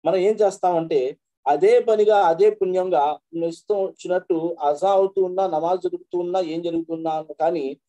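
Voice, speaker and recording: A male preacher delivers a sermon in a high-pitched voice. His tone is warm and dark rather than bright. He chants the verses slowly and then explains them in a quick conversational flow. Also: fairly even intonation. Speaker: Islamic preacher.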